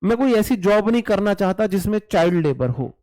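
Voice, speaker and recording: A man's voice: sits high, expressive, a little fast, a little mellow, no echo, studio quality. A man teaching an English class online, casual and repetitive, drilling words aloud and calling students his brothers. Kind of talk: online exam-prep class.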